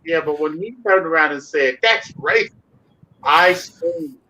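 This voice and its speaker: A man's voice: on the high side, normal speed, bright, forceful tone. A man co-hosting a casual film discussion, telling stories with emphatic enthusiasm. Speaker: co-host. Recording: muffled lo-fi audio.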